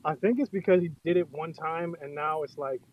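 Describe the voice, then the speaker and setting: On a live audio chat, a project founder talks through a muffled Bluetooth headset in his car as rain falls, easygoing and swearing offhandedly. He speaks on the high side and at a fairly quick clip.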